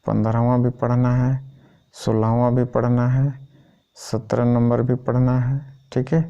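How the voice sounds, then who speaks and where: A man's voice: mid-range voice, gravelly, dark tone. A man going through a school syllabus item by item in an informal teaching style, often checking in with the listener. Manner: keeps repeating "thik hai" as a check-in.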